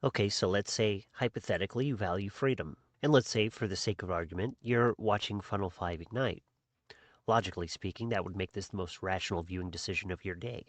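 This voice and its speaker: A man in a whispered role-play, voicing a deadpan, mock-logical figure in a low, quiet, half-whispered voice. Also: brisk, dry recording.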